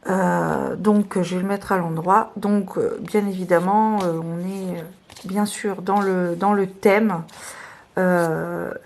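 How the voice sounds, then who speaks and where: A woman presenting her tarot decks in a casual video, talking hesitantly with many fillers and restarts, a little hoarse. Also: fairly low pitch, steady tone, takes it slowly, a little mellow. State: slightly hoarse, clearing her throat.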